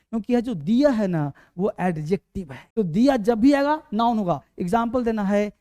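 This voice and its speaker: A man's voice: high voice, expressive, moderate pace, warm tone. A man with a Hindi accent teaching an online English class, repeating words over and over as he drills their pronunciation. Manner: repetitive, drills pronunciation aloud.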